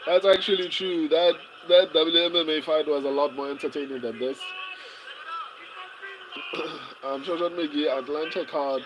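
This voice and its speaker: A man's voice: on the high side, steady tone, a little slow, long pauses, noisy background. A man hosting a casual fight watch-along stream, reading viewers' comments aloud with a laid-back, chuckling manner and lots of fillers and restarts.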